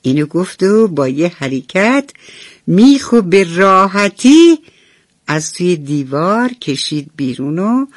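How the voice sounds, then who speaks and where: A woman's voice: deep voice, dry recording, studio quality. A woman storyteller narrating a radio bedtime story, speaking tenderly and affectionately to children.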